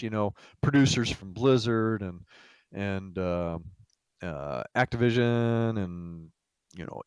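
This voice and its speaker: A man's voice: on the low side, smooth, no room sound, rough recording. Guy lecturing on project mgmt, blunt and salty, tells stories, dry close sound. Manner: casual, blunt, salty, lots of "you know". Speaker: game studio executive teaching project management. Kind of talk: informal lecture with storytelling.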